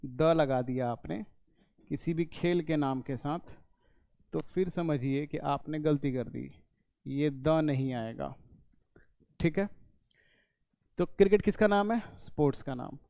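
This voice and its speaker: A man teaches an English lesson in a slightly high, mellow voice. His tone is smooth and resonant, recorded close in a dry room. He goes step by step, repeating points and answering his own questions. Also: measured pace, long pauses, no echo. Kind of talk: classroom lesson explaining in Hindi.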